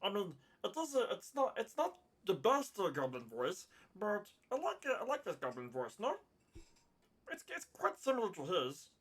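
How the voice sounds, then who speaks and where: Player rambling on in casual chat, bouncy lively pitch. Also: normal speed, husky. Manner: rambling, repeats itself.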